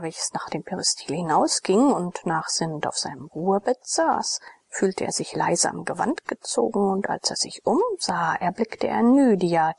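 A woman narrating a classic novel as a whispered audiobook reading, in a soft, slow, half-whispered storytelling manner. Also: fairly low pitch, vocal fry, breathy edge.

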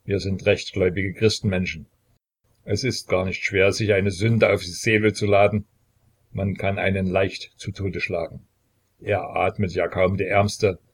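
Man voicing a gruff, grumbling executioner. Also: deep voice, level tone, a little slow, full character voice. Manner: grumbling, defiant. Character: gruff, stubborn male executioner, pious and sullen.

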